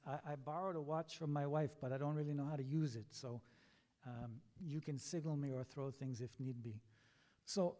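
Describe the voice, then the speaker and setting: A man's voice: on the high side, dark tone. Man moderating in a reverberant sanctuary. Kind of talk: panel moderation. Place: synagogue sanctuary. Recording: long hall reverb.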